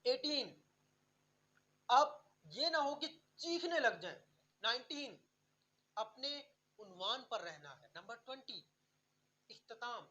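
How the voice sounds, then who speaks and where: A woman narrating a scripted tutorial on public speaking, counting off numbered tips in a clear, instructive way. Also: on the high side, very animated, long pauses, fairly bright tone, dull audio.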